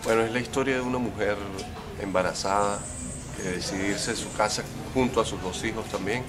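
A young man with a Venezuelan accent, a filmmaker talking about his short film in a relaxed, thoughtful way, recorded outdoors by a building entrance on a close camera mic. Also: fairly low pitch, fairly quick. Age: young adult. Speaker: filmmaker guest. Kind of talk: festival interview.

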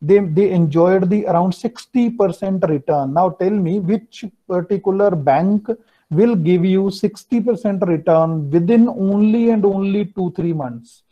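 A man's voice: high voice, measured pace. A middle-aged man with a North Indian accent and Hindi as his native language, lecturing an online class in two mixed languages, explaining and checking with students, over a computer mic on a video call. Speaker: finance teacher. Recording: dull, lo-fi video-call audio.

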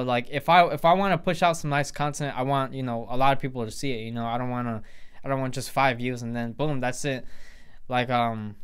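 Here a teenage vlogger speaks to camera in a loose, rambling storytime, full of restarts and filler words, in an indoor spot with a plain grey backdrop. His mid-range voice comes across clear and resonant.

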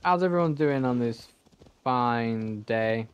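A young man with a mid-range, smooth voice talks slowly over dull-sounding audio. English isn't his first language, and as a gameplay streamer he rambles through casual let's-play commentary, correcting himself and cursing at the game.

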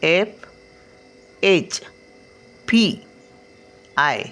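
A woman's voice: on the low side, sing-song, extremely slow, a bit bright. An older woman teaching a spelling lesson, sounding words out syllable by syllable and explaining patiently as she checks that the listener follows.

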